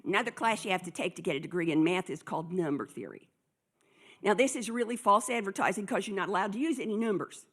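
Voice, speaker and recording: A woman speaker telling a lively story to a conference audience, acting out the dialogue as she goes. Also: mid-range voice, fast talker, husky.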